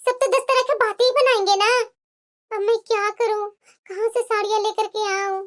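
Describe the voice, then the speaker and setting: A woman's voice: very high-pitched, fairly even intonation, moderate pace. A woman voicing a put-upon young daughter-in-law in a cartoon, pleading and complaining. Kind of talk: cartoon voice acting.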